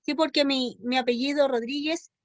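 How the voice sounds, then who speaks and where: A woman student speaks up in class in a rather high voice, pressing to make her point clear. Her voice comes through close and dry, with no room sound. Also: fairly even intonation, moderate pace, dry recording. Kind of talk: class discussion.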